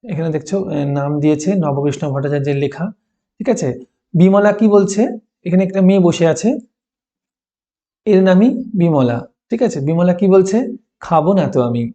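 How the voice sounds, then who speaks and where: A man with a high, mellow voice teaches a children's poem, reciting slowly and stretching out the lines before explaining each one. He keeps asking his students whether they follow. The sound is dull and lo-fi. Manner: slow and drawn-out when reciting, checks in with students often. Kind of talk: reading and explaining a school poem.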